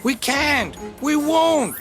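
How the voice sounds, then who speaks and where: A man voicing a group of stubborn old freight cars that wail and refuse to move, shouting high over music. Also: expressive, very slow, creaky, exaggerated voice. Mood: wailing protest.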